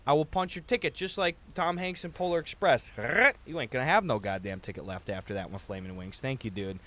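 At a streaming setup indoors, a young adult man hosts a casual gaming stream, reading viewer messages aloud. His mid-range voice is fairly quick and a bit bright but slightly worn-down, and his talk is slangy, jokey and profane, peppered with "dude" and "bro".

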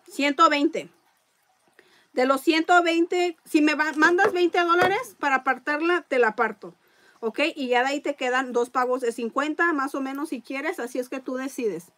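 A woman hosting a casual live-stream raffle, chatting along and reading viewer comments out loud. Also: high voice, measured pace.

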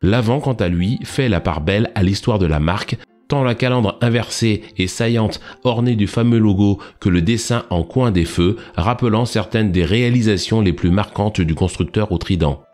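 Low-ish male voice reading a polished script, faint music underneath. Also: moderate pace, darkish tone. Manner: formal, literary phrasing read evenly. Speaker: narrator. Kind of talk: scripted narration. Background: faint background music.

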